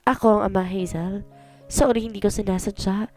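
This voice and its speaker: A woman reading the part of a guilty young man in a spoken story, pleading and remorseful, his voice mellow and warm. Faint music plays softly underneath. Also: mid-range voice, steady tone, a little fast, close to an everyday voice. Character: young man, cheating boyfriend, apologetic.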